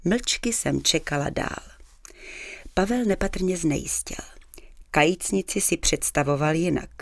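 A woman's voice: fairly low pitch, expressive, gravelly, dry recording. A woman narrating a first-person audiobook in a dry, ironic storytelling manner.

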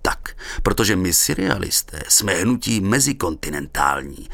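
A man's voice: low voice, big pitch swings, vocal fry, a bit bright, dry recording, exaggerated voice. A man voicing a big, eccentric surrealist poet who talks in a pompous, declaiming way.

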